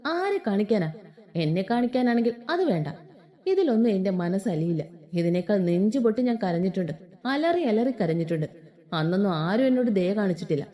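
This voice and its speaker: A woman voicing a wounded, defiant young wife who speaks with sharp scorn. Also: fairly high pitch.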